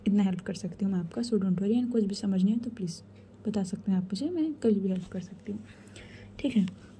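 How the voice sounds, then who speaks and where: A woman's voice: mid-range voice, a little fast, slight background noise, natural voice. A woman whispering as a caring young woman. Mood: gentle. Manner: gentle, reassuring. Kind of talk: whispered role-play.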